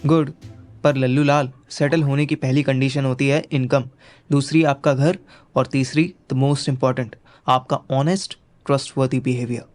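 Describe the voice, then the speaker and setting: A man's voice: mid-range voice, steady tone, slow, darkish tone, soft background music. A young man narrating a first-person audio story in a wry, casual manner.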